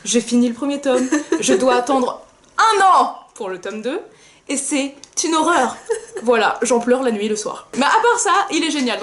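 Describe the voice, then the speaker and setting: A tired young woman co-hosting a book video, bubbly and self-mocking as she chats. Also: sits high. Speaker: book channel co-host. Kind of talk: casual chat.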